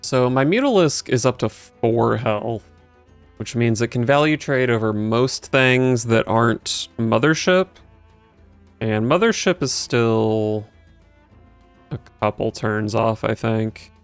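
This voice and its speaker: A man's voice: mid-range voice, slow, clear, resonant tone, no echo. A man giving casual, dry and sardonic gameplay commentary, thinking his moves through aloud. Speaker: game streamer. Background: game music.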